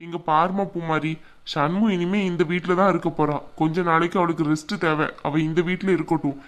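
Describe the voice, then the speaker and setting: A woman's voice: lowish voice, steady tone, a little fast, natural voice. A woman voicing an older male father-in-law in a cartoon, firm and fatherly. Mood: reasoning. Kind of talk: cartoon voice acting.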